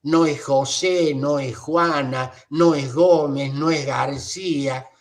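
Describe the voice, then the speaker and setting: A man lecturing as a university professor, unhurried, checking in with tag questions and fillers. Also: a little high, fairly even intonation.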